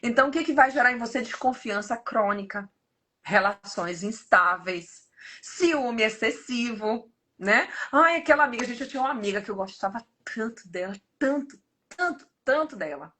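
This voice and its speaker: With a fairly high pitch at normal speed, this woman in her fifties speaks with a Brazilian Portuguese accent in a relaxed devotional talk. She's animated and repeatedly addresses the audience as "gente".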